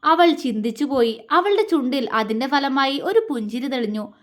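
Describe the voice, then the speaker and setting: A woman storyteller reads a serialized romantic story in a calm, even manner. Her voice is high and light. The reading is scripted narration. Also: normal speed.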